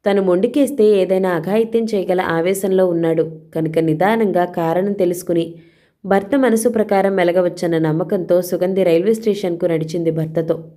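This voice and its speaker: Mellow-voiced woman narrating a crime story. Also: fairly low pitch, moderate pace. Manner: steady, dramatic reading.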